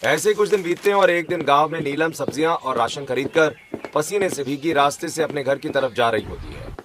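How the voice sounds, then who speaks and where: A man narrating a cartoon story in a steady storytelling manner. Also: a little high, fairly quick, slight background noise.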